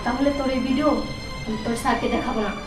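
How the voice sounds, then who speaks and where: A woman acts out a domineering, scheming wife in a melodramatic short film. Her voice sits extremely high and she scolds imperiously. The room echoes and music plays behind her. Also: fast, far from the mic. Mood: menacing, controlling. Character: scheming, bossy wife bullying her male servant.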